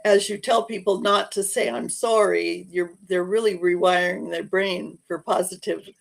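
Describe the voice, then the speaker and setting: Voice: medium pitch, fairly even intonation, moderate pace, creaky. A podcast host in a casual interview, thoughtful and supportive, often affirming the guest.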